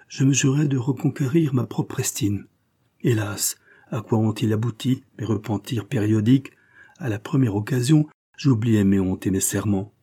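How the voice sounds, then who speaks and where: A man with a low, dark and slightly rough voice reads aloud as a remorseful young man confessing his faults to his mother. The delivery is heated, emotional and self-accusing.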